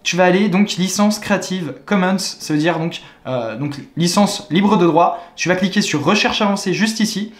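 Young French male tutorial host, high voice, chatty salesy delivery, roomy echo. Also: normal speed, few pauses. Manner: chatty, repeats filler words, upbeat salesy instructions. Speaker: online money-making tutorial host. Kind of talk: screen-recorded tutorial walkthrough. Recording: echoey room.

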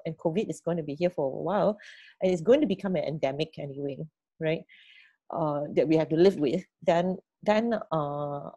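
A middle-aged team leader walks her team through a plan on a video call. Her low, mellow voice sounds dry and close with no echo, and she repeats words as she thinks, often checking in with "okay?" and "right?".

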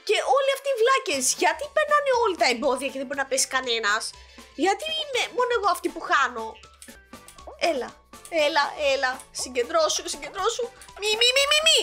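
Young female gamer, sore-throated but animated, shrieking at her game over quiet music. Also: high-pitched. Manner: excitable, exclaiming at the game. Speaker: gaming YouTuber. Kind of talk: gameplay commentary.

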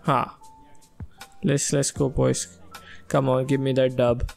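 A man's voice: medium pitch, little pitch movement, unhurried, gravelly, darkish tone, soft background music. A man bantering casually as a podcast guest, using slang and swearing and mixing Hindi into English. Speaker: podcast guest and quiz contestant.

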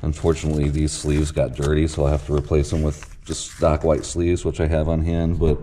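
This man has a warm, monotone bass voice and talks fairly quickly, vlogging off the cuff with a hesitant, rambling, matter-of-fact manner. The sound comes from a noisy action camera, either worn or handheld, picking up traffic and surrounding noise.

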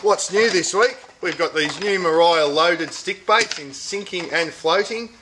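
A man's voice: high-pitched, a little slow, background noise. A middle-aged Australian man hosting a weekly fishing report from inside a tackle shop, chatting about catches and specials in an upbeat sales patter. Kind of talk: casual product and fishing report. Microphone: camera at close range.

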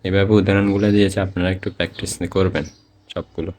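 A man with a Bangladeshi Bengali accent teaching Quran reading step by step, repeating each example word slowly in a drawn-out recitation. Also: low voice, flat delivery, a little mellow. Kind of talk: slow step-by-step lesson.

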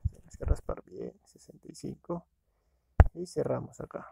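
A man's voice: on the high side, moderate pace, creaky, mellow, husky, dry recording. A man casually narrating a screen-recorded app walkthrough, talking to viewers as friends. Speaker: app reviewer.

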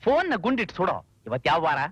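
An actor playing a lawyer who keeps teasing his friend with quick joking retorts. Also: sits high, wildly swooping pitch, fairly bright tone, slightly rough, no echo, muffled recording, full character voice. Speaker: government lawyer.

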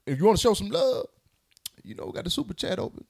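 Male podcast host, animated banter, gravelly edge, lots of laughs. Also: sits high, fast. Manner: animated, joking, laughs often.

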